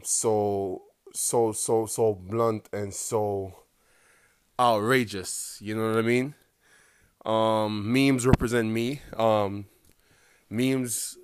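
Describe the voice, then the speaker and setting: A young Jamaican man hosts a casual solo podcast, talking in a Jamaican accent with a fairly low, clean-toned voice. His talk rambles, is profane and full of "um"s, and he laughs often, all captured as a dry, clean studio recording.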